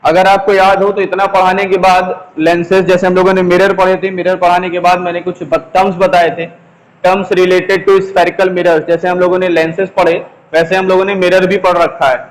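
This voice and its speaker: A man teaches a class in a high, steady voice that stays on an even pitch. He goes slowly, repeating each key term and putting questions to his students. His voice rings with a long reverb, as in a hall. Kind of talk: classroom lesson, explaining while writing on a board.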